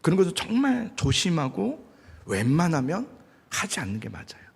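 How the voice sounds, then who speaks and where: A male pastor preaching in a conversational way, now and then acting out loud, angry prayers. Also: a little high, wildly swooping pitch, normal speed, gravelly, husky, in a large hall. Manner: conversational, acts out angry prayers with sudden shouts. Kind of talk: sermon.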